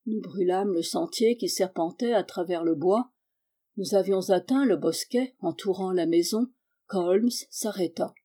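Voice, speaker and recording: Woman audiobook narrator, measured and even, warm mellow timbre. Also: lowish voice. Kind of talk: scripted narration.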